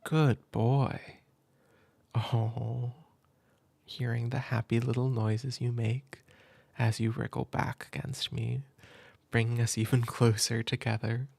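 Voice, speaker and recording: Soft-spoken man with a gravelly, slow whisper. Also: mid-range voice, little pitch movement, dry recording. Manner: soft, tender, half-whispered. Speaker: ASMR creator. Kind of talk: ASMR comfort roleplay.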